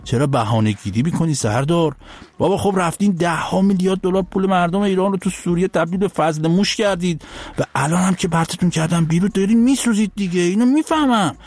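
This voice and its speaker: A man's voice: high voice, a little mellow, no room sound. A man hosting a satirical commentary show, mocking and scolding the clips he plays, sometimes laughing or singing a line. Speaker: host. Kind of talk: sarcastic political commentary.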